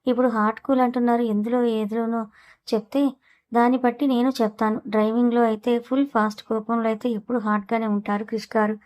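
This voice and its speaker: A woman storyteller doing an innocent, coy young bride who answers politely and bashfully. She talks fast and without much melody, in a slightly high voice. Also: flat delivery, darkish tone, close to an everyday voice.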